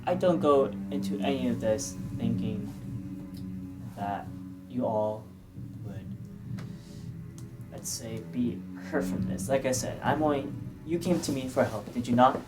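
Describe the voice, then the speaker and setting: A man voicing a calm, idealistic radical in a tabletop game, speaking in a measured, earnest way with restarts, over background music. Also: medium pitch, close to an everyday voice, low-quality recording. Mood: persuasive.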